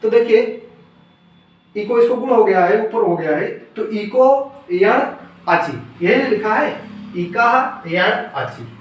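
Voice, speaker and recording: A man's voice: high-pitched, slow pace, muffled recording. A man teaching Sanskrit grammar step by step, asking questions and answering them himself, repeating the key terms. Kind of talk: explaining grammar rules step by step. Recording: echoey room, voice from some distance off the mic, faint noise.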